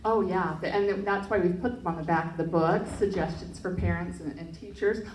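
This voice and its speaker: An earnest woman pitches her project in a low, mellow voice, stumbling over fillers and restarts. She is picked up from a distance in an echoey hall. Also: steady tone, moderate pace, a little hiss or hum. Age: adult parent. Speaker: project presenter. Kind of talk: pitch presentation and Q&A. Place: event hall. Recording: echoey room, mic from far off.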